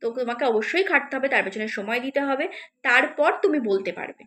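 A woman's voice: sits high, expressive, a little fast, a bit bright. A woman tutor giving an encouraging spoken lesson, talking straight to her students with frequent fillers. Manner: encouraging, addresses viewers directly with many fillers.

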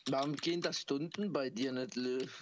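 A man's voice: mid-range voice, normal speed, slight background noise. A man chatting casually with friends in a gaming voice chat. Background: faint music.

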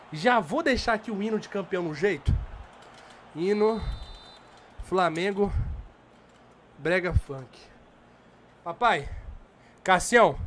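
Slight background noise accompanies a Brazilian gamer whose voice sits high. Excitably narrating his game live, he swears and cheers his players on, yet stays quiet since it's late at night.

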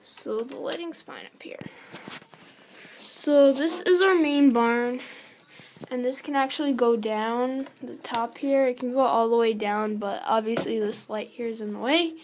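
High-voiced young girl giving a chatty tour. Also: measured pace, darkish tone, slight background noise. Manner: chatty, rambling, lots of fillers. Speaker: toy horse collector giving a barn tour. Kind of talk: casual vlog tour. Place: indoors, small room with a toy barn. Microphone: handheld phone camera close to toys.

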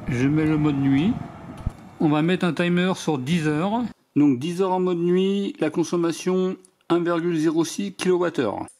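A French man calmly walking through a product test off camera, reading out measurements one by one in a matter-of-fact way. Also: sits high. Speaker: DIY product reviewer. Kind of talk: hands-on product demonstration voice-over.

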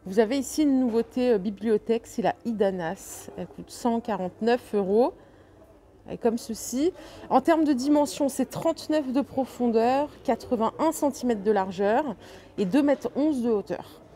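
A woman talks her viewers through a big furniture store in a casual, enthusiastic vlog. Her voice sits a little high and sounds mellow rather than bright. A faint hum of store ambience runs underneath. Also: moderate pace. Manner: chatty, enthusiastic, lists prices and sizes with fillers. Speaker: shopping vlogger. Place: inside a large furniture store.

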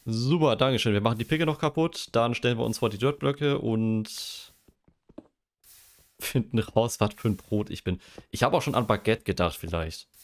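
In a mid-range, expressive voice at normal speed, a young man chats and jokes during a casual gaming livestream. He reads quiz questions out loud and mulls over what to answer.

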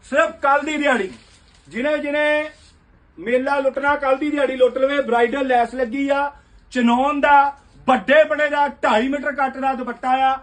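Very high-voiced shopkeeper hawking loudly. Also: male voice, slight background noise. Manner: loud, rapid-fire hawking. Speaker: shopkeeper selling suits. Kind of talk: loud live sales pitch. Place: basement clothing shop.

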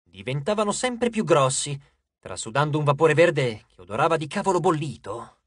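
Male audiobook narrator, slightly high voice, expressive storyteller, dry studio mic. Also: dry recording.

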